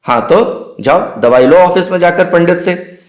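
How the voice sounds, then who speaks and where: A man voicing a gruff, bullying male senior student who talks roughly and taunts. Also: sits high, a little slow, pitched above the performer's own voice. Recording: roomy echo.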